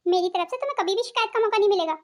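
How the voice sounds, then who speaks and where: A young cartoon home-wrecker with a falsely sweet, coaxing manner , voiced by a woman. Her voice is extremely high and she talks briskly. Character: young scheming other woman, sweet-talking. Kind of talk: cartoon soap voice acting.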